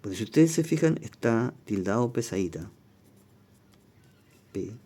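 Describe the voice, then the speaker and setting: A man's voice: mid-range voice, lively intonation, a little fast, warm tone. A man, teaching a language exam review lesson, reading passages aloud and explaining spelling rules step by step.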